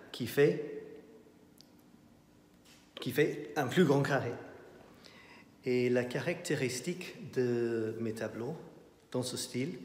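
A middle-aged man with an English accent, an artist giving a casual tour of his exhibition, thinking aloud with many pauses and fillers, filmed on a phone at arm's length. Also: mid-range voice. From not French. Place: indoor art gallery. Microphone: handheld phone at arm's length, walking. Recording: roomy gallery with long echo.

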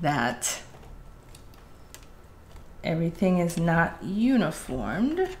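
Working through a craft livestream at home, a middle-aged host chats with her viewers, addressing them as "guys." She talks extremely slowly in a lowish, very animated voice, with slight background noise.

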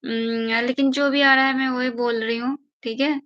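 A woman's voice: sits high, fairly even intonation, moderate pace, no echo, dull audio. Coaxing woman live-streaming on a phone. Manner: coaxing, playful, pleading for viewer replies. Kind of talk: casual live-stream chat with viewers.

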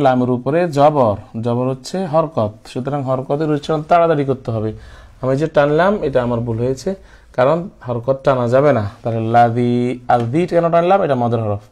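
A man teaching Quran reading. He explains the pronunciation rules and then chants each word slowly for the listener to repeat. He often asks a question and answers it himself. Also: medium pitch, darkish tone. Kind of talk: recitation lesson.

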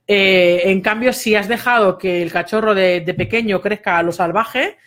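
A woman, a dog trainer giving a casual spoken lesson, chatty, with many fillers and quick asides. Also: medium pitch, a bit bright.

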